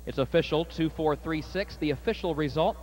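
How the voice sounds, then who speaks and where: A man announcing a harness race at an outdoor track, calling the field in a brisk, formal way. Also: on the high side. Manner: rapid rising race call, steady formal post parade. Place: outdoor racetrack. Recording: faint outdoor noise.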